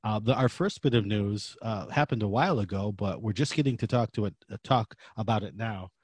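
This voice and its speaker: A man's voice: lowish voice, a little fast, darkish tone, slightly rough, no echo. A man hosting a podcast in casual conversational talk. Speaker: podcast host.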